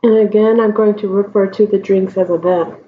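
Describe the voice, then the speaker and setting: A woman's voice: medium pitch, steady tone, a little hiss or hum. A woman teaching a Spanish grammar lesson, explaining step by step and checking in with her students. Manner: slow, deliberate explanations with frequent check-ins. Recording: dull lo-fi recording.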